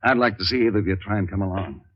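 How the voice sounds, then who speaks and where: An actor playing a brusque, sarcastic police inspector in a 1940s radio crime drama, with a clipped, domineering delivery. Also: male voice, low-pitched, rapid-fire. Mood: smug, insistent. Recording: dull lo-fi 1940s radio recording.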